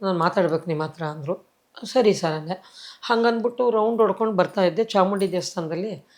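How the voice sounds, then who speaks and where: A woman's voice: fairly low pitch, brisk, darkish tone. A middle-aged actress, telling her life story emotionally in an interview and acting out what others said. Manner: tearful storytelling, acts out quoted dialogue.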